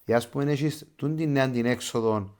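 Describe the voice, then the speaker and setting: Speaking as a guest in a casual interview, a Cypriot Greek pro wrestler sounds eager and mixes bits of English into his Greek. His voice sits in the middle range and has a slightly mellow quality.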